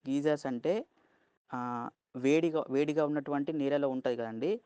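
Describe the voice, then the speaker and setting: Male teacher, Telugu accent, patient and slow, spells out every word, dry close sound. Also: on the high side, mellow, clean tone, no echo. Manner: slow, spells words letter by letter, keeps asking "okay?". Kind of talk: vocabulary lesson.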